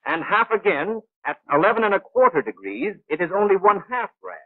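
Narrating a 1940s training cartoon, an exacting, know-it-all gunnery instructor lectures fairly quickly in a high voice. His clipped, precise phrasing rises and falls vividly as he teaches, brisk yet patient. The old film soundtrack is thin, phone-quality and free of echo.

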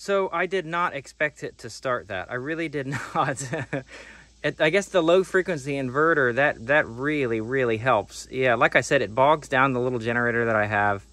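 Recorded up close on a phone camera with no echo, a forties-aged man running a do-it-yourself channel works through a tool test outdoors on gravel and in a workshop. He speaks at normal speed in a medium-pitched, sharp voice, casually thinking aloud and starting over.

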